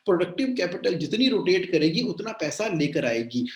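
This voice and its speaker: A man coaching business owners in a live online session, animated and repeating his phrases, mixing English into his talk. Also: sits high, normal speed, reverberant. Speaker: cash flow coach.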